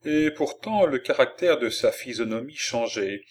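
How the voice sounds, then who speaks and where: A man reading an audiobook of a classic novel with measured, expressive narration. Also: medium pitch. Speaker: audiobook reader.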